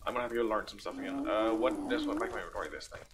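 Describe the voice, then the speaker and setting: A young man giving casual let's-play commentary, excitable, swinging from quiet mutters to loud outbursts. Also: on the low side, rapid-fire. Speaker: gaming YouTuber. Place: home room. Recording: faint background noise and clicks.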